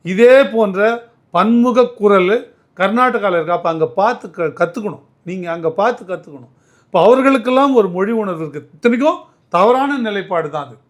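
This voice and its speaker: A man's voice: sits high, lively intonation, normal speed. A man answering as a political commentator in an interview, arguing emphatically and often restarting his words.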